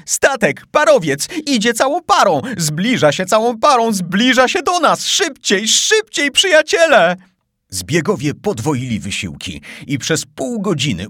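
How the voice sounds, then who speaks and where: A male narrator reads an adventure novel aloud with dramatic, suspenseful expression, and his pitch moves freely up and down. His voice sits at an everyday middle height. The recording is close and completely dry. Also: a bit bright, no room sound. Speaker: audiobook narrator.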